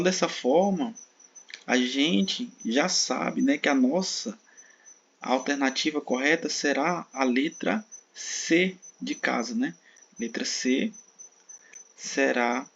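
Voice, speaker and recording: With a Brazilian Portuguese accent, a man teaches an exam-prep lesson, explaining patiently and often checking in with his listeners. His mid-range voice is slow, a bit bright, slightly rough, with vocal fry. The recording sounds dull, with faint crickets behind him.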